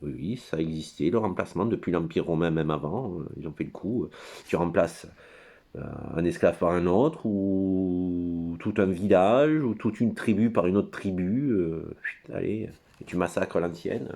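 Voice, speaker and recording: Deep-voiced man rambling crudely. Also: normal speed, mellow. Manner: crude, digressive, hesitant with many fillers. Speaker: commentator. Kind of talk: rambling monologue. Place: at his computer.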